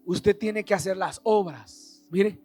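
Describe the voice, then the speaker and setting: A man's voice: high-pitched, slow pace, mellow, soft background music. A man preaching a Sunday sermon as pastor, urging his congregation to repeat after him. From Guatemala. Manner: preaching to a congregation, calling for repetition.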